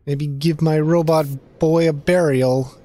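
A man's voice: a little high, steady tone, unhurried, mellow. A young man giving playful, joking commentary while playing a point-and-click game. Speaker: streamer. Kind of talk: casual gaming commentary.

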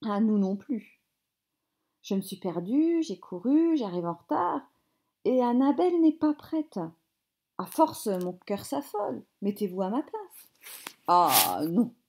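A woman performs a comic stage play with a theatrical, unhurried delivery. Her voice is mellow and soft-edged, and she drops into hushed asides now and then. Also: on the high side, big pitch swings.

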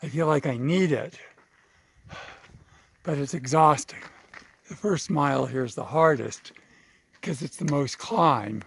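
A man vlogging his hike on a mountain trail thinks aloud as he goes, short of breath. His voice is a little high and slightly rough, with vocal fry, a somewhat slow pace, and frequent pauses.

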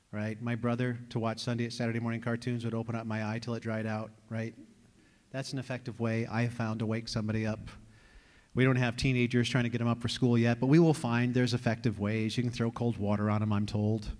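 A man in his forties from New York, preaching a sermon as lead pastor and telling wry, conversational stories. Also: medium pitch. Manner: joking, conversational storytelling. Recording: long reverb of a large hall.

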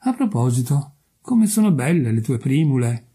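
A man's voice: mid-range voice, sing-song, normal speed, dark tone, breathy edge. A man playing a smug, pompous miller. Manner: pompous and self-righteous.

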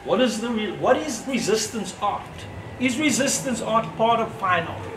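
Facing an audience indoors at an exhibition opening, a high-voiced, animated man in his sixties speaks off the cuff in a thoughtful, measured way, leaving pauses between phrases. No mic is visible; the far-off camera yields a roomy, distant recording with noisy ambience.

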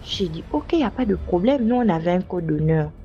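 A woman's voice: fairly quick, faint music behind. Young woman telling a personal story. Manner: lively, acts out quoted voices with big pitch jumps. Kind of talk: casual first-person storytelling. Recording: slightly dull lo-fi sound.

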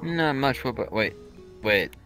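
A man chatting casually in a VR game, halting and apologetic. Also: mid-range voice, expressive, sharp tone, faint music behind.

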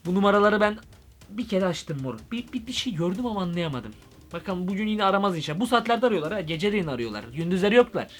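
A young man doing a comic vlog monologue, excitable and rambling, full of slang. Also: sits high. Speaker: YouTube comedian.

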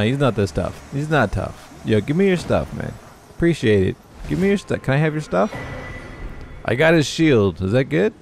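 A man's voice: medium pitch, vocal fry. A young man giving casual, profane commentary while playing a video game, talking back to the enemies on screen. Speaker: gaming YouTuber. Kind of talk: casual let's play commentary. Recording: game music behind voice.

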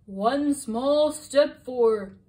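A woman voicing a friendly, easygoing astronaut in a storybook, speaking slowly and casually. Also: sits high, mellow, distant mic.

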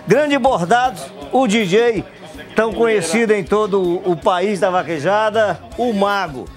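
High-pitched Northeastern Brazilian man, hyped rodeo presenter. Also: a little slow. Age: middle-aged. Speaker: TV show presenter and reporter. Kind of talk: on-location presenting and interviewing for a rodeo show. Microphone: handheld microphone. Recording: outdoor TV report with faint music bed.

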